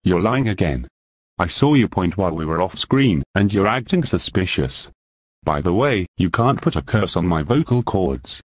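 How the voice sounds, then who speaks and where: A synthetic male voice playing a blunt, accusing pupil in an animated video. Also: low-pitched, normal speed, no echo. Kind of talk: animated school video dialogue.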